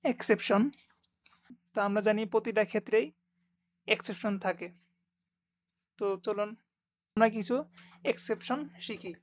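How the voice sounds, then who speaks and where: A woman teaching a pronunciation lesson, saying each word slowly and repeating it for learners to copy. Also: mid-range voice, fairly even intonation, no room sound. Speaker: German language teacher. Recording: dull lo-fi sound, dry.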